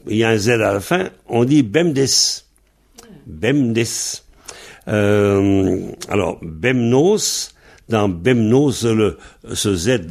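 Slow, patient male language teacher. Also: lowish voice, a little mellow. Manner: patient, spells words letter by letter. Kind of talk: slow spelled-out language lesson.

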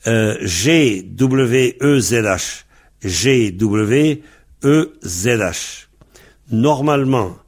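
A man giving a patient lesson on Breton pronunciation, spelling out words letter by letter and comparing dialect variants. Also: medium pitch. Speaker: Breton language teacher.

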